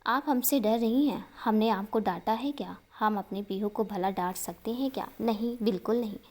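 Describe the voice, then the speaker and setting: A gentle, caring young husband speaks softly and kindly, as a woman storyteller voices him. He coaxes and reassures, with no harshness in his tone. It comes across as a storybook figure. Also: medium pitch, moderate pace, natural voice. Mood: gentle, coaxing. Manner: soft coaxing, speaking kindly to a child.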